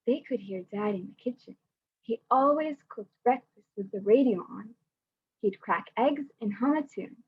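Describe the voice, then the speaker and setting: Her voice is fairly high with a breathy edge and a normal speed as this young student volunteer reads a picture book to children over a video call. Between pages she chats hesitantly with fillers, and the audio sounds dull and lo-fi.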